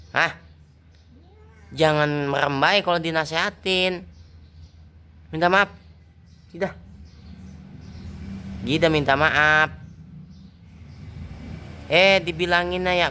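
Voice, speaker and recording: A man's voice: fairly high pitch, fairly even intonation, slow, long pauses, sharp tone, slight background noise. A man, chatting casually and teasingly as he scolds and coaxes his pet cats. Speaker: pet channel host.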